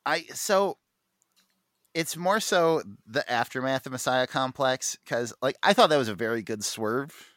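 A man's voice: medium pitch, a little slow, a bit bright, no echo, studio quality. A man co-hosting a podcast, chatting casually and enthusiastically, full of fillers and restarts. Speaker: podcast co-host. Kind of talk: casual comic book chat.

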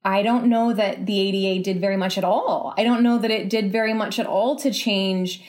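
Her mid-range, darkish voice stays fairly even in intonation at normal speed as she gives reflective interview answers. This writer thinks out loud in an exploratory way, often rephrasing and repeating points as she goes.

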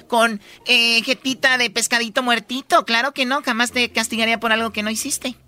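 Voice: medium pitch, level tone, brisk. A performer playing a bossy, mocking female schoolteacher in a comedic radio sketch, scolding and teasing her pupils. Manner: scolding, teasing, bursts into loud laughter.

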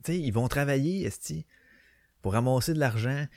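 A man's voice: medium pitch, moderate pace, gravelly, darkish tone, no echo, studio quality. A man with a Québécois French accent hosting a casual solo podcast from his bedroom on a small home mic, rambling with lots of fillers and restarts. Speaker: podcast host. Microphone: small home microphone.

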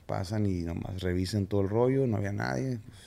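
A man with a Mexican accent, a podcast guest telling his story in casual slang with halting fillers. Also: lowish voice, creaky, dark tone.

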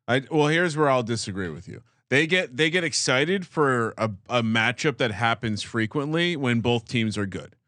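A man co-hosting a sports podcast, making his case in a measured, reasoning way during casual debate. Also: mid-range voice, lively intonation, a bit bright, no echo, clean studio sound. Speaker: podcast co-host.

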